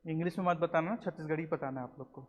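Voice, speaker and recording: A man's voice: a little high, quick pace. Man teaching a class. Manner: quizzes the class, repeats answers, says "ठीक है" often. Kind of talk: classroom lecture. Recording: roomy classroom recording, dull and slightly noisy.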